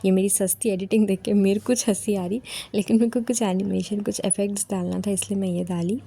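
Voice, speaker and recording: A woman's voice: mid-range voice, level tone, a little fast, gravelly, warm tone. A young woman narrating her day vlog in a casual, chatty, rambling way, mixing in English words. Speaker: vlogger.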